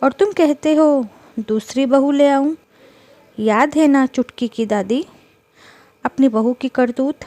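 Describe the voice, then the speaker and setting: A woman voicing a stern, fierce mother-in-law in a storybook tale, talking in sharp, scolding rebukes. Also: high voice, slow, pauses often, no echo. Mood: angry, protective. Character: stern fierce older mother-in-law, protective of her daughter-in-law.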